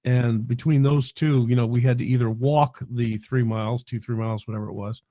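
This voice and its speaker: Mellow-voiced New man chatting live. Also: medium pitch, fairly even intonation, a little fast, no echo. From New York. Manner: rambling, folksy, many fillers. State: tail end of a head cold. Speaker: host of a live broadcast. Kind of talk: casual livestream talk. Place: his home in the South.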